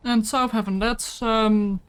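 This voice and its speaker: A woman's voice: a little high, steady tone, slow, clear, resonant tone, soft background music. Chatty woman livestreaming a game. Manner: chatty, rambling, snacking between sentences. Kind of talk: casual chat while gaming.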